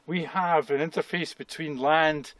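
This fifty-something man leads an informal field session on geology outdoors by a quarry wall, explaining things and echoing key phrases for emphasis. He speaks a bit slowly in a steady, higher, somewhat bright voice with no echo, though the outdoor audio is plainly noisy and clicky.

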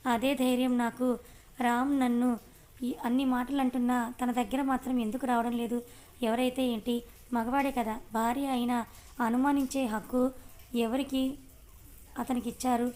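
A woman storyteller giving a scripted narration at a steady, even pace. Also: a little high, moderate pace, pauses often.

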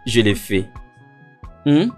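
A man dubbing a French film, playing a doting husband who fusses over his wife and keeps apologizing and urging her to go slowly. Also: mid-range voice, sing-song, soft background music. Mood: gentle. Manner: fussing, repeating apologies and "slowly". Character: doting husband, fussy and attentive.

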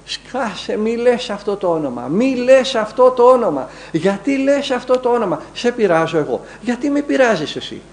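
A man's voice: very high voice, big pitch swings, hardly any pauses, slight background noise, voice pushed up, exaggerated voice. A man voicing a furious demon that shrieks repeated commands from inside a possessed monk. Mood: furious shrieking.

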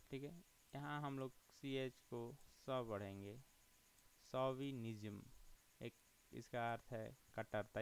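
Slow, clear-voiced male vocabulary teacher. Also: medium pitch, rough recording. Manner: spells words letter by letter, corrects himself mid-list. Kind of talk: vocabulary lesson, reading word lists.

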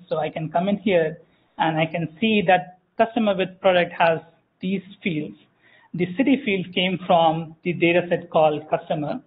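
A fairly high-pitched man walks an audience through a software demo at a meetup. He explains step by step, pausing on fillers and restarting his phrases. The sound is thin and tinny, like a phone line. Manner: explanatory, many fillers and self-corrections. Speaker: tech speaker giving a software demo. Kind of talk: live conference demo walkthrough. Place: meetup room, small audience. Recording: tinny phone-like room audio.

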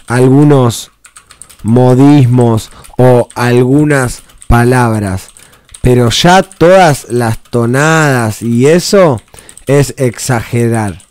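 A man with an Argentine Spanish accent hosts a reaction video, offering casual commentary that rambles and is full of slang and restarts. His mid-range voice is smooth with a darkish tone, and there is no room sound.

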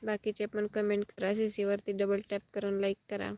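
A woman chats casually on a live stream from her farm field, her voice dark and mellow with a gravelly edge. She talks in a flat, even tone, thanking viewers one by one, while crickets and insects hum outdoors around her phone. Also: mid-range voice, moderate pace, no echo. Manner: reads out comments and thanks viewers, chatty.

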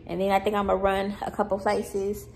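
A woman's voice: mid-range voice, monotone, normal speed, vocal fry, a little hiss or hum. A woman, vlogging casually as a mother, chatty and playful, laughing often. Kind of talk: casual vlog chat. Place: out and about, car, mall and stores. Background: loud background music.

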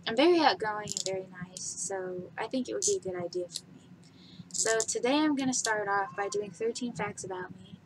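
A woman in her twenties with a medium-pitched voice chats casually in her bedroom for a facts-about-me vlog. She is giggly and rambling with lots of fillers, and the webcam at desk distance also catches background noise.

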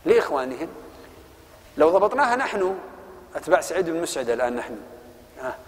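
Man, middle-aged, Egyptian accent, classroom teacher, quick and animated, reverberant mosque hall. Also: fairly high pitch. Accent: Egyptian Arabic. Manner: animated, asks the class questions, acts out both sides of the argument. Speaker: Quran orthography teacher. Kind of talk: explaining a classical text to students.

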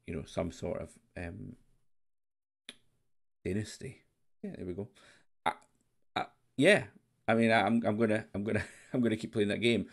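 A man giving casual let's-play commentary, rambling and thinking aloud with the odd swear word. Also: lowish voice. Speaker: game streamer.

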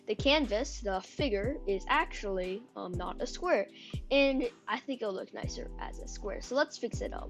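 A young woman giving a casual step-by-step coding tutorial, dictating code aloud symbol by symbol. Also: medium pitch. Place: indoor room at a computer.

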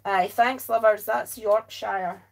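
Slow and steady at a medium pitch, this tired middle-aged Scottish woman speaks with vocal fry, and a little hiss or hum comes through. As host of a crafting livestream, she rambles chattily, interrupts herself and responds to viewer comments, captured by an overhead camera above her desk.

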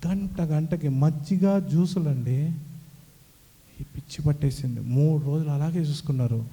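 A man's voice: on the high side, moderate pace, warm tone, husky. A young man giving an emotional church testimony, acting out the dialogue he recalls. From Kadapa, Andhra Pradesh. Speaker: testimony giver.

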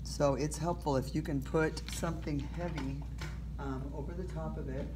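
A woman teacher speaks in a low-pitched voice with fairly even intonation and a moderate pace as she casually shows students an art project. She's self-deprecating, full of okays and ums, recording her hands from above at an indoor table amid background noise.

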